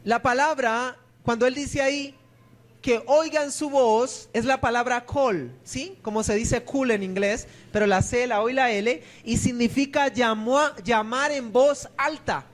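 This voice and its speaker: A man's voice: very high voice, measured pace. A man, a pastor preaching a sermon in church, who keeps asking the congregation questions and answering them himself.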